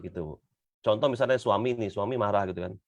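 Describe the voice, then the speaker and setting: A man's voice: on the low side, fast, dry recording, muffled recording. A man giving an Islamic talk to an audience in a conversational way, often tagging his sentences with small fillers. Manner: conversational, repeats "gitu ya" often. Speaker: religious motivational speaker.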